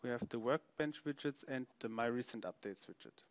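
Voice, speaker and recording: Smooth-voiced man presenting a software demo. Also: mid-range voice, animated, brisk, dry recording, highs cut off. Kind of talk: software product demo narration.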